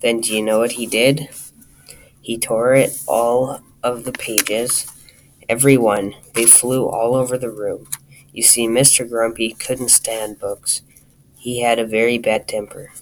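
A man reading a children's storybook aloud, talking straight to the listener in a lively way. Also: medium pitch, measured pace, a little hiss or hum, rough recording. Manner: lively, addresses the listener directly.

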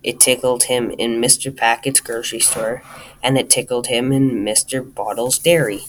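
A man's voice: mid-range voice, normal speed, a little hiss or hum, poor audio. Man reading a children's storybook aloud. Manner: lively, addresses the listener directly.

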